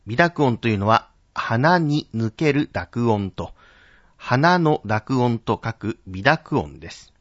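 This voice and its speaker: Man slowly drilling pronunciation. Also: medium pitch, lively intonation, no echo, lo-fi sound. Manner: slow, careful enunciation of syllables. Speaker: pronunciation teacher.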